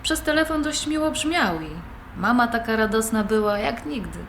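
With a slightly high, fairly bright voice and lively intonation, a young woman voices a strong-willed granddaughter in audio drama dialogue at a moderate pace. The mood is lightly upbeat as she chats, asks questions, and protests a little, captured in a roomy recording with noise behind her.

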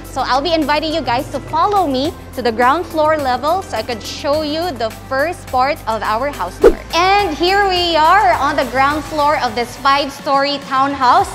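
Music plays under a young woman from the Philippines as she shows viewers around a spacious, empty townhouse, selling it with upbeat enthusiasm while she walks from room to room. She talks at normal speed in a high voice, hardly pausing. The bare rooms create a roomy echo.

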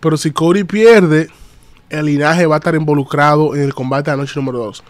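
A man recaps wrestling on a live stream, lively and chatty as he greets his chat. His voice sits a little high, and the recording is close and dry, with no room echo. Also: a little fast.

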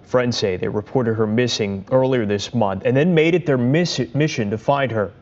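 A man anchoring in a TV studio, introducing a report in a formal, even delivery. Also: mid-range voice, normal speed, dull audio. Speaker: news anchor.

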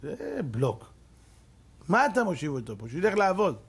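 A man's voice: high-pitched, huge pitch swings, husky, exaggerated voice. A man doing a scornful tractor driver. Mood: mocking. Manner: mocking, blunt, dismissive.

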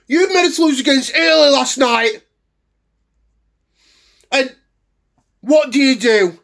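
A man playing a furious high-voiced football fan. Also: slow, creaky, exaggerated voice. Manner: angry, swearing, shouting in bursts. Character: furious English male football fan ranting. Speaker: comedy character. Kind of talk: comedy sketch rant.

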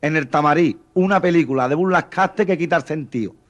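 A man's voice: fairly high pitch, a little fast, lightly acted. A man voicing a nagging young girlfriend in a joke.

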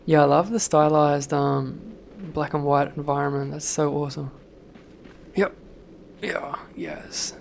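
A man commentating gameplay, swearing constantly and shouting at sudden deaths in a noisy home recording. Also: fairly high pitch, little pitch movement, normal speed, vocal fry, few pauses. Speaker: let's play gamer.

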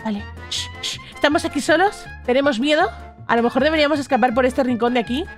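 A young woman with a Spain Spanish accent hosts a casual let's-play, her voice pitched high. She is excitable, bursting into shrieks at scares, and reads game chat aloud in a flatter tone. Faint game music plays behind her. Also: fast talker. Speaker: gaming YouTuber host.

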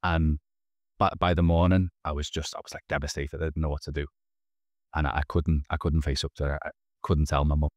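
A very deep-voiced man in his thirties talks fairly quickly with a flat delivery, earnestly sharing his personal story as a podcast guest and often beginning his words again. He's on a video call with headphones in a small indoor room, and there's no room sound.

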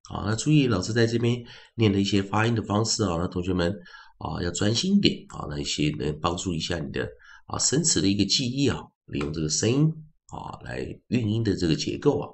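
A male English phonics teacher giving a classroom lesson, slowly repeating each sound and word in drills with a lively, teacherly pitch. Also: vocal fry. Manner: slow drilled repetition of sounds.

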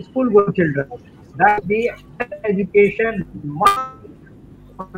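A man, a doctor, speaking on a video conference call, lecturing haltingly with many restarts. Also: sits high. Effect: video conference call audio. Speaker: doctor panelist. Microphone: remote video call. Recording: tinny breaking video-call line.

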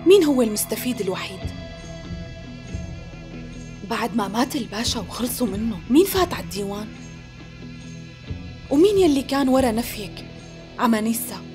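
A woman with a Syrian Arabic accent dubbing a scheming, smooth-talking sultan's wife, coaxing and polite with a pointed edge. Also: a little high, natural voice. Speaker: dub actress. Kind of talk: dubbed TV period drama.

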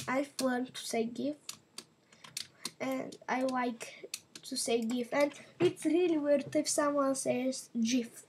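A woman with a high voice runs a gaming channel, talking to her viewers in a chatty, rambling way while she plays. A slight hiss or hum sits in the recording.

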